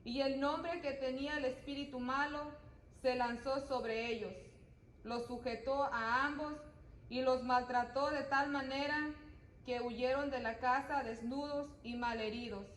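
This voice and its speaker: Woman, reading scripture aloud, steady and careful, high voice, echoey room. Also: unhurried. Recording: echoey room, faint noise.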